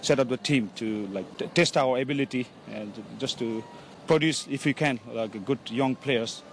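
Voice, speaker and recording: A man from Hong Kong, a football team manager, answering interview questions in a halting way with many fillers. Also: medium pitch. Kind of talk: casual interview. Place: outdoor football pitch on a hot day. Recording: faint outdoor noise.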